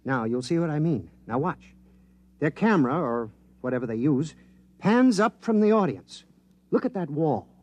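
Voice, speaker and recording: In a 1950s radio drama, an actor plays an eager, absent-minded government scientist who explains things in an animated, excited way. His male voice is a little high and moves at a moderate pace, with no echo.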